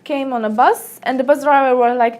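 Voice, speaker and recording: This young woman from Slovenia talks in slightly high-pitched, second-language English. She tells stories in an animated way, often jumping into brighter voices to mimic the people she quotes. She sounds like she's in a small office room. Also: fairly quick. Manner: lively storyteller, acts out quotes in a higher voice. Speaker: guest. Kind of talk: casual interview chat.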